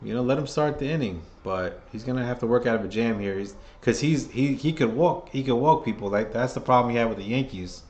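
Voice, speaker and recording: Man, hoarse, casual fan play-by-play host, rambling and opinionated. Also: mid-range voice, brisk, few pauses, a little mellow. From New York. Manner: rambling, opinionated, restarts phrases often. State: hoarse, losing his voice.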